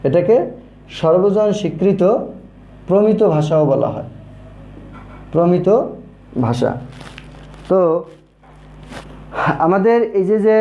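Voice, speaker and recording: A male teacher giving an online grammar lesson while he writes, talking slowly and saying each key term twice. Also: fairly high pitch, dull audio. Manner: slow and repetitive, says key terms twice. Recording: echoey room with faint noise.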